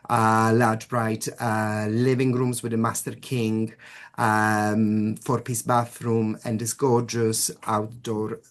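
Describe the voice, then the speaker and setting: A man's voice: fairly low pitch, a bit bright. A man giving an upbeat sales presentation over a video call, with audio that breaks up at times and a lot of glowing adjectives. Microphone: computer mic on a video call.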